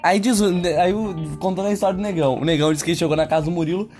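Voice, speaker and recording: A man's voice: sits high, steady tone, racing, a little mellow, faint music behind. A young Brazilian man hosting a casual podcast, telling a story with teasing energy and playful voices. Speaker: podcast host.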